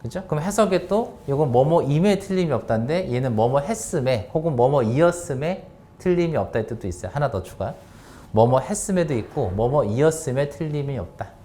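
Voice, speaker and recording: A male English teacher walks students through a grammar point. His pitch rises and falls with lots of movement. He keeps asking whether they understand, and he slows right down to read example sentences. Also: animated, dark tone. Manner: talks to students with frequent check-in questions, reads example sentences slowly. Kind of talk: grammar lesson lecture.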